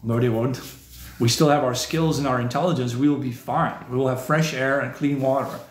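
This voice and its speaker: A man's voice: medium pitch, fairly even intonation, fairly quick, echoey room. Man chatting on a live stream. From southern Netherlands. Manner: rambling, opinionated, many "you know" fillers. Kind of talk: casual live stream chat reading viewer comments.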